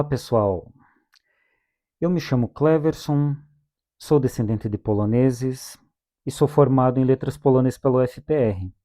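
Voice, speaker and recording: A man's voice: mid-range voice, dark tone. A young Brazilian man with a Brazilian Portuguese accent, teaching a language lesson in a patient way and repeating each word twice for his learners. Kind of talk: calm lesson with repeated vocabulary drills.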